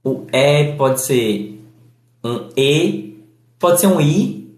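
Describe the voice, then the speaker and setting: Man, Northeastern Brazilian accent, teacher, unhurried, echoey room. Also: a little high, animated. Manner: slow, deliberate, spells out examples. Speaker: language teacher. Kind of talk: explanatory lesson.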